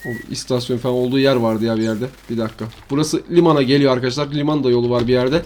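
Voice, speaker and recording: A man's voice: medium pitch, steady tone, racing, darkish tone, slight background noise. A man giving rambling, slangy commentary while showing a farming game map to his viewers. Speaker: gaming channel host. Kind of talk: casual gameplay commentary.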